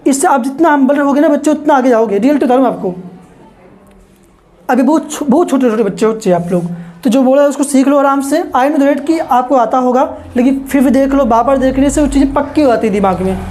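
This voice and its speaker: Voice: sits high, a little fast, a little mellow. A woman teaching a basic English lesson to children. She explains patiently, repeats points, quizzes her listeners and keeps calling them "kids", mixing English terms into her speech.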